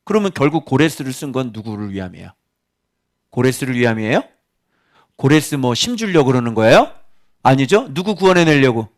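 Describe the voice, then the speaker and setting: A man's voice: medium pitch, big pitch swings, fairly quick, pauses often. A middle-aged man preaching a sermon as pastor, chatty and teasing, often quizzing his congregation.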